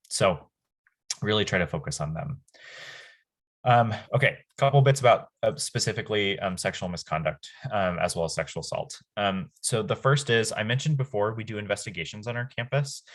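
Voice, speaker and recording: A man giving a staff training talk over a video call, earnest, with frequent "um" pauses and restarts. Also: low voice.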